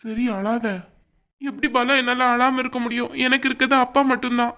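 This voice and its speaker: A woman voicing a calm, patient young husband in a cartoon, soothing and reasoning. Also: on the high side, moderate pace.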